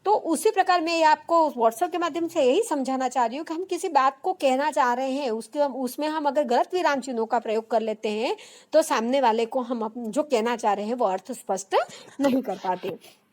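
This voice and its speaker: Young adult woman, high voice, patient step-by-step teacher for exam prep, repeats key terms. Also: normal speed, a little mellow. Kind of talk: exam-prep grammar lesson.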